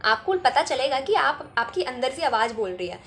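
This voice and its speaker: A woman's voice: sits high, sing-song, moderate pace, fairly bright tone, slight background noise. A woman giving casual spiritual self-help advice, chatty and often checking in with "ठीक है?". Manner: chatty, keeps adding "ठीक है?". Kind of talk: casual advice talk to camera.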